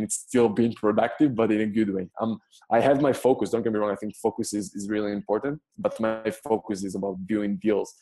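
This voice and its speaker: Soft-toned Israeli man, halting speech. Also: fairly low pitch. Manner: halting, frequent restarts and stammered repeats, non-native phrasing. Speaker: podcast guest, business investor. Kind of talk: casual interview answers.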